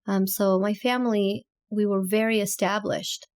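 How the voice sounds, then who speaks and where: A woman in her thirties from Azerbaijan, telling her story in a reflective interview with measured, deliberate phrasing. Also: mid-range voice, steady tone, darkish tone. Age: 30s. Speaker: podcast guest, author and entrepreneur.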